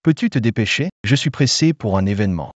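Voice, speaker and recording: A man's voice: fairly low pitch, expressive, fast talker, no room sound. An actor dubbing an arrogant, short-tempered rich young man in a drama series, curt and scornful. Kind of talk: French dub of a drama series.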